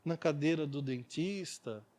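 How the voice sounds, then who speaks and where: Guy playing a passive mom begging her kid, meek and soft. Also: a little high, a little slow, natural voice. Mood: pleading. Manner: weak, pleading. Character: passive, embarrassed mother.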